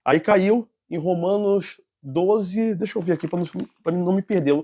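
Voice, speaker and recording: A man's voice: high-pitched, normal speed, darkish tone. A nervous man telling a personal testimony in an interview, rambling and correcting himself. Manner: rambling, with restarts and self-corrections. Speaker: interview guest giving a testimony.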